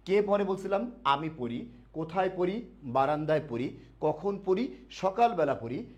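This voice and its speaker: A man with a high, animated voice conducts a live online grammar class for admission students, answering the questions he poses and slowly repeating key words. The audio is dull.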